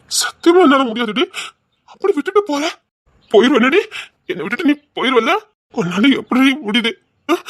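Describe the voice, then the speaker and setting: A man plays a husband in a drama, forceful and choked with tears as he pleads and vows revenge. His mid-range voice is recorded close and dry, with no room sound. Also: very high-pitched, no echo, full character voice. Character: grieving, furious husband, loyal and vengeful.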